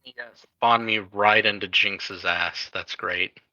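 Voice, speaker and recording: Teasing man on voice chat, slow drawl, dull dry lo-fi sound. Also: fairly low pitch, steady tone, sharp tone, dry recording. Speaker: friend on voice chat. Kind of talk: casual gaming banter.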